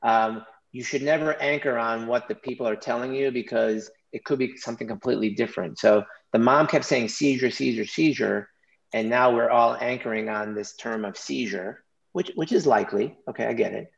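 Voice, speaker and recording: Gravelly man in a roomy, dull-sounding room. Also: mid-range voice, a little fast. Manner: restarts often, thinks aloud. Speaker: emergency physician panelist. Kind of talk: online panel discussion.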